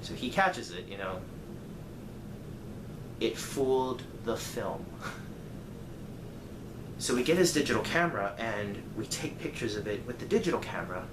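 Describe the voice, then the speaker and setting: In an unhurried delivery with long pauses, a storytelling vlogger with a lowish voice recounts a casual tale to viewers, livening up whenever he relays conversations. The audio sounds roomy and echoey, with background noise clearly present.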